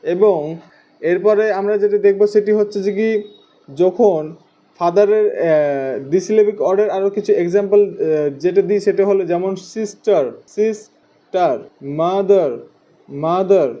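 A man's voice: high voice, a little slow, long pauses, mellow. A man teaching English grammar who spells words out letter by letter, repeats key terms, and asks the class questions he then answers himself. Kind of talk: spoken grammar lesson.

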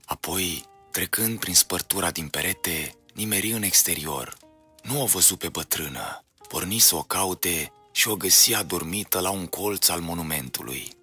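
Low-voiced man reading a fairy tale, bright edge, husky, faint music underneath. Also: lively intonation. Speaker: storyteller. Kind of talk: scripted storybook narration.

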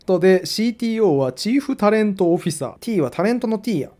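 A man's voice: sits high, expressive, fast talker, dark tone. A man voicing a jokey male talking dog statue spirit that mixes Kansai and Tohoku dialect in a teasing, bantering way. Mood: lecturing. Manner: bantering, teasing, punchline delivery.

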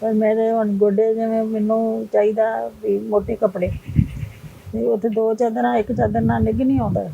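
A woman's voice: on the high side, flat delivery, normal speed, vocal fry, mellow, slightly rough, lo-fi sound. An older woman, telling her story plainly in an interview. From Punjab. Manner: plain storytelling, retelling others' words. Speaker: interview guest. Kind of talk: emotional interview.

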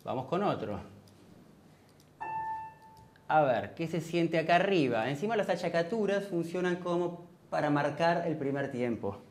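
A man's voice: a little high, expressive, unhurried, pauses often, slight background noise. A man with a Rioplatense Spanish accent teaching music theory, explaining meter and counting beats aloud. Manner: counts beats aloud over piano playing. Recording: piano playing behind the voice.

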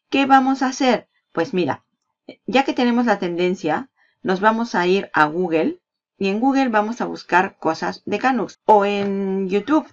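A woman giving a chatty screen-share marketing tutorial, explaining each step with asides. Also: mid-range voice. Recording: slightly dull lo-fi sound.

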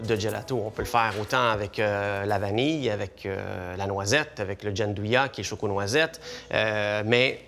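A middle-aged man, a gelato consultant explaining his craft in a café, animated and gesturing as he talks. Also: on the low side, moderate pace, faint music behind. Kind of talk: explanatory talk to camera. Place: café interior.

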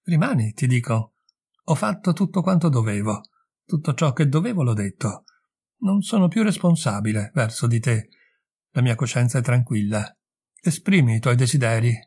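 A man's voice: medium pitch, lively intonation, normal speed, darkish tone, breathy edge. A man reading an audiobook, voicing a prudent lover who earnestly urges a young woman to be reasonable. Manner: earnest, persuasive. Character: cautious man urging his lover to reason.

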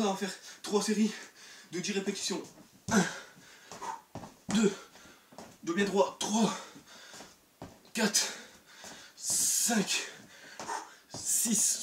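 A young adult fitness YouTuber coaches a home leg workout in his bedroom while doing it himself, counting reps and urging viewers on between breaths. His voice sits high, and the camera mic across the room makes him sound far off in an echoey space with background noise.

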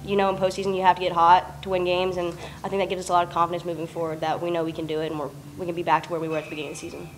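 A young woman, a college softball player, answering postgame questions in a chatty, casual way. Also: on the low side, little pitch movement, racing, few pauses, slight background noise. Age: young adult. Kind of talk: postgame press conference answers. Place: press conference room, indoors. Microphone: table microphone.

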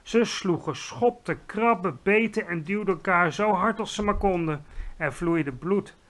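A man reads a children's book aloud with lively, expressive narration. His voice sits fairly high, leaning into the action of the story. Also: a little slow.

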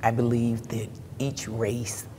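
A middle-aged woman who owns a radio station answers interview questions with upbeat pride, her very deep voice flat and slow. She's in an indoor exhibit hall, and the recording carries hall reverb and faint noise.

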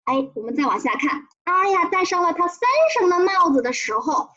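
A woman's voice: very high voice, animated, pushed and bright, lo-fi sound. Sing-song woman teaching children. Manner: sing-song, drawn-out tone demonstrations; encouraging, prompts children to repeat. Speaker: primary school teacher. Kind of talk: children's pinyin lesson.

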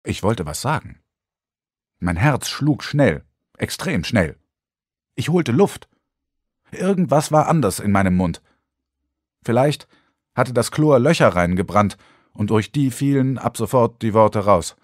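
A man narrating an audiobook with expressive, storytelling delivery. His pitch moves a lot through each sentence. The recording is dry and close-miked. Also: measured pace, long pauses, no echo. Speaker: audiobook reader.

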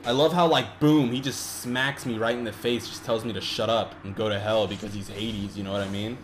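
Here a young man with a fairly low, steady voice talks a little fast over his gameplay as a YouTuber, rambling, cursing often and starting sentences over. A little hiss or hum sits underneath.

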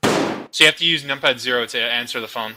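A man's voice: medium pitch, a little fast, background noise. A man talking over group voice chat with friends, explaining game rules and controls step by step in a casual way. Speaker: player reading out game rules.

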